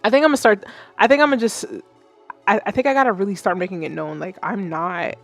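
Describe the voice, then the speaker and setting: A woman in her thirties hosts a live stream, reacting to submitted tracks in a loose, animated way and poking fun at herself. She talks straight to her chat. Faint music plays in the background. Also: medium pitch, quick pace, creaky. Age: 30s. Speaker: livestream host giving music feedback. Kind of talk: casual livestream commentary.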